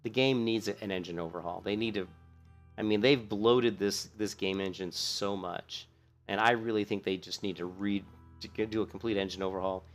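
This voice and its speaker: A man's voice: fairly low pitch, fairly even intonation, moderate pace, faint music behind. A man giving casual, rambling game commentary as a streamer, blunt and grumbling, often fumbling for words and restarting his phrases.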